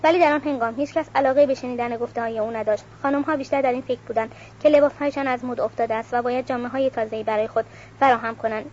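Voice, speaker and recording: A woman reading a novel aloud at a measured pace, announcing page numbers, on a dull recording with faint hiss. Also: on the high side, steady tone, darkish tone. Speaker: audiobook reader.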